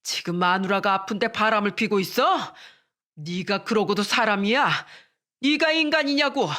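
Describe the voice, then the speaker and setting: A woman voicing an older father who shouts in indignant rage at his son-in-law. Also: medium pitch, moderate pace, lightly acted. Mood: furious.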